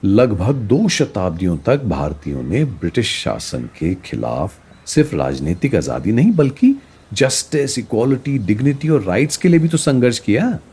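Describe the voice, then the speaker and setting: A man with an Indian accent plays a teacher and storyteller in a radio play, enthusiastically explaining history in a conversational, encouraging way and posing rhetorical questions. His voice is on the low side, husky and exaggerated, at a moderate pace, and he sounds animated.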